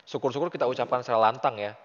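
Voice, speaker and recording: A man's voice: mid-range voice, rapid-fire. An Indonesian-accented man tutoring Arabic in a casual lesson, patient and full of praise. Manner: patient, encouraging, praises often. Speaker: Arabic teacher. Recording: muffled audio with long reverb.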